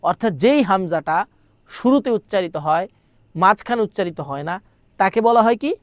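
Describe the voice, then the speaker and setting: A man's voice: high voice, lively intonation, fairly quick, no echo. A man teaching an exam-prep grammar lesson. He reads lines aloud, translates them, repeats them, and keeps asking rhetorical questions. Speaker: madrasa exam tutor.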